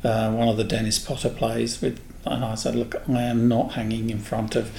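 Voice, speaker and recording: A man in his sixties from England, a guest in an interview, telling unhurried stories about his past. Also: medium pitch, little pitch movement, creaky, warm tone. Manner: unhurried, anecdotal storyteller. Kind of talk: reminiscing in a casual interview. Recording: echoey room with faint noise.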